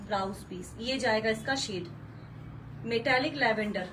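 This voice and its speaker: A woman with a high, bright voice pitches sarees on a live stream, gushing and repeating herself as she names each shade. She sits a little back from the mic. Faint noise hums underneath. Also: measured pace, distant mic, rough recording. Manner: gushing, repetitive, mixes English color words into Hindi. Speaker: saree seller hosting a live sale.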